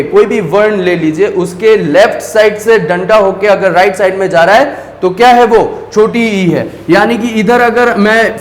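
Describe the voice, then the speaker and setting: Male teacher, high voice, patient, asks and answers his own questions, roomy echo. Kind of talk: explaining lesson at a board.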